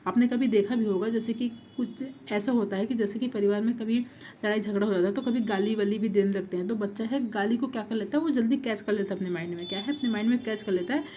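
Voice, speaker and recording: A woman's voice: medium pitch, quick pace, mellow, a little hiss or hum. A woman teacher giving an exam-prep lecture, repeating points and asking rhetorical questions. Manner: repetitive, rhetorical questions, frequent 'thik hai'.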